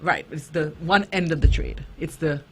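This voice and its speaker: A woman's voice: low voice, moderate pace, husky. A woman speaking as a kids' show host, teaching children in simple phrases and checking in with questions.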